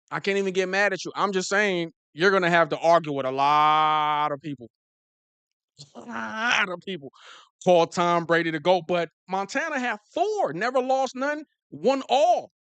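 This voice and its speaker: A man hosting a casual live stream, talking fast and excitedly, repeating himself and using slang. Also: high voice, smooth, dry recording. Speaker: football streamer host.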